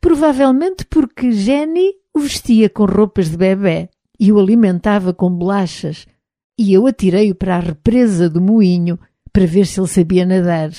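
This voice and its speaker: A woman with a European Portuguese accent voicing a calm, affectionate Scottish husband in an audiobook, speaking softly and unhurriedly. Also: medium pitch, normal speed, no echo, clean studio sound, lightly acted. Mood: fond.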